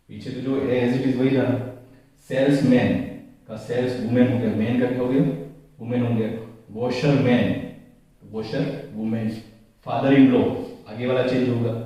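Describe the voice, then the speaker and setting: A male English grammar teacher with a medium-pitched, mellow voice works through a slide lesson step by step, repeating each rule and answering his own questions. He's recorded from a distance in a very echoey room.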